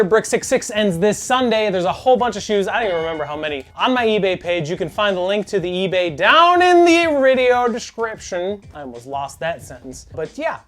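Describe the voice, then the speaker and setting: A man's voice: high voice, fairly bright tone. A man hosting a casual sneaker unboxing vlog from home, with goofy, self-mocking asides. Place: home in Chicago.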